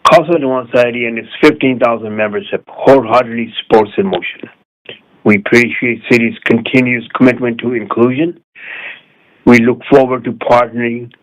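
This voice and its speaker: A man calling in for a community society, formally reading a prepared statement with non-native grammar. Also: mid-range voice. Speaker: caller representing a community society. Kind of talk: prepared statement read by phone. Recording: phone line.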